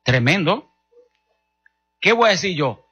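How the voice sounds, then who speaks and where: Husky, forceful Dominican pastor preaching. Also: male voice, high-pitched, sing-song, takes it slowly, dull audio. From Dominican Republic. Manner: humorous, storytelling, addressing the congregation directly. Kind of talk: sermon.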